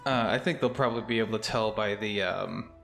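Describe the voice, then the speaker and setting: A man's voice: on the low side, brisk, creaky, a bit bright, soft background music. Young man echoing in an empty room. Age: young adult. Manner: rambling, many fillers and restarts, frequent laughs. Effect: cave-like echo from an empty, bare room. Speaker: podcast co-host. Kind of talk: casual chat. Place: empty new home office, indoors.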